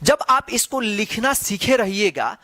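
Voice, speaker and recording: A man's voice: high-pitched, big pitch swings, a little slow, bright, forceful tone, no echo. A man teaching the Hindi alphabet, asking question after question and repeating each sound to demonstrate it. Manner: repetitive, quizzing. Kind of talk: slow classroom explanation.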